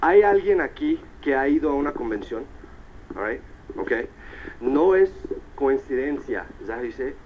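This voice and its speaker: A man giving an animated motivational speech to a convention audience, dropping English tags like "right?" between his sentences. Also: medium pitch, a little slow, narrow, tinny audio, a little hiss or hum. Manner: animated storyteller, peppers Spanish with English tags like "right?" and "all right". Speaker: motivational speaker at a business convention.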